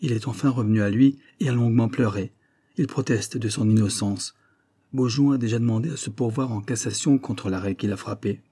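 A man reading a classic novel aloud in measured, even scripted narration. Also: mid-range voice, breathy edge. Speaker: audiobook reader.

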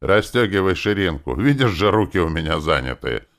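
A man's voice: rumbling low, very animated, moderate pace, vocal fry, fairly bright tone, full character voice. A man voicing a meek office clerk turned domineering, mocking and drunk on power in an audiobook. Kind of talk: audiobook character voice.

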